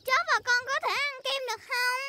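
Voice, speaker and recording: A woman's voice: extremely high pitch, steady tone, brisk, very noisy. A woman voicing a cheeky, curious little girl pig in a cartoon, talking in a childlike, inquisitive way.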